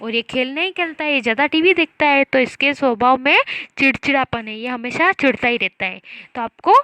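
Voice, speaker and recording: A woman teaching a primary school class, reading words slowly syllable by syllable and asking the children questions. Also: sits high, bright, forceful tone, no echo. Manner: slow, syllable-by-syllable reading drills with repeated questions. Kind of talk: online class lesson.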